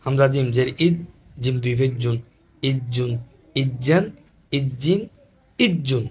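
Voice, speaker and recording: A man runs an online Quran reading class. He spells out Arabic letter sounds one by one in a patient, sing-song drill. He repeats each syllable pair again and again at a steady pitch. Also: unhurried, slightly rough.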